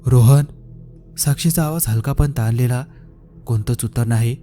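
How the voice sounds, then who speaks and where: Dark-voiced male horror storyteller. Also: medium pitch. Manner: slow, suspenseful reading. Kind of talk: scripted horror narration. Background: faint music.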